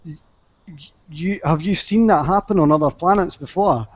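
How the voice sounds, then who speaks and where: A man's voice: on the high side, moderate pace, no room sound. A man hosting a session, asking questions casually in a hesitant way, repeating his words. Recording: dull, dry lo-fi audio.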